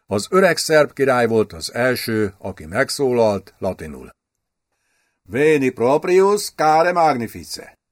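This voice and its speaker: A man reading a historical novel aloud as an audiobook narrator, with expressive, varied delivery. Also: mid-range voice, dry recording, clean studio sound. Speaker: audiobook reader.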